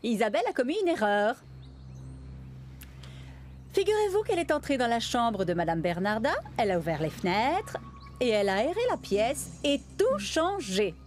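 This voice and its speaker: A woman's voice: a little high, sing-song, moderate pace. An actress in a French telenovela dub playing a scheming mother who spreads gossip with smug delight. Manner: smug, scheming, smoothing things over.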